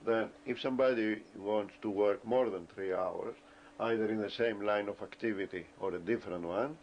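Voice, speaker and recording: A man giving a deliberate explanatory lecture, often pausing with hesitations as he works through his points, on a dull lo-fi recording. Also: on the low side. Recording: dull lo-fi recording with faint ambient noise.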